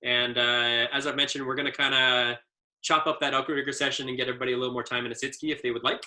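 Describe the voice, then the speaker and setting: Bright-voiced man giving ski training talk. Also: medium pitch, level tone, fast. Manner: easygoing storyteller with many fillers. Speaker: adaptive ski instructor trainer. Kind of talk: casual training presentation.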